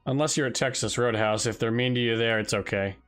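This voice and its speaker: A man's voice: medium pitch, fairly even intonation, fast talker, a bit bright, clean tone. Young guy streaming, rambly and exasperated, lil bit of music behind him. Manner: exasperated, storytelling with frequent restarts and laughter. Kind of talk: casual chat while live streaming.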